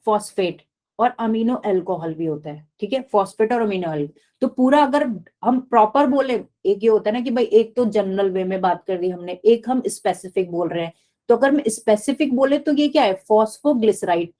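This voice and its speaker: गहरी मधुर आवाज़ वाली शिक्षिका. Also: female voice, medium pitch, normal speed, dark tone. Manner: explains step by step, keeps asking the class questions. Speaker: biology teacher. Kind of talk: live online class lecture.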